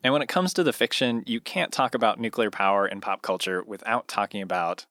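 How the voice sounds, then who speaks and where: A man's voice: fairly low pitch, fairly quick, crowd noise. A man co-hosting a podcast, reading a scripted intro and bantering with a guest in a wry, joking manner. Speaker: podcast co-host.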